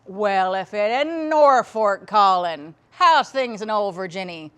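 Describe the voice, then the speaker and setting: A woman voicing her folksy older father, gruff but jolly, in a storytelling monologue. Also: medium pitch, animated, slow pace, fairly bright tone. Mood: jovial.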